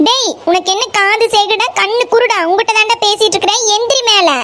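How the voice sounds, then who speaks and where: A woman voicing a sharp-tongued, hot-tempered young village girl in a cartoon, speaking with a Coimbatore Tamil accent and scolding with a string of insults. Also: very high-pitched, fairly even intonation, fairly quick, slight background noise. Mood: furious. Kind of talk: cartoon voice acting.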